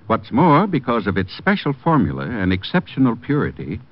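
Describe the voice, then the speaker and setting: An assured American drugstore pitchman in a vintage radio ad, polished and very lively in pitch. The sound is dull with age. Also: moderate pace. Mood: reassuring. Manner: polished, reassuring, emphatic. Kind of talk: old radio commercial, scripted sales dialogue. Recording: muffled old radio recording.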